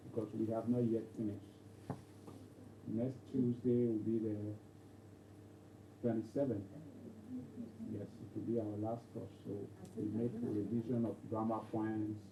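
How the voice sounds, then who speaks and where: Man teaching grammar. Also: on the low side. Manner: repetitive, checks understanding with "okay?". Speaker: English teacher. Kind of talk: classroom grammar lesson. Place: classroom. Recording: roomy, distant, dull lo-fi, faint noise.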